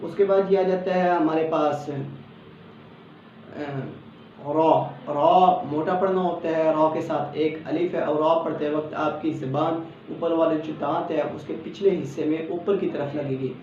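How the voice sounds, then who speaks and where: A man's voice: a little high, darkish tone. Man, Pakistani Urdu accent, Quran pronunciation lesson, patient and step-by-step, very echoey, distant lo-fi recording, faint hum. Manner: patient, explains each letter then models it slowly. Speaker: Quran recitation teacher.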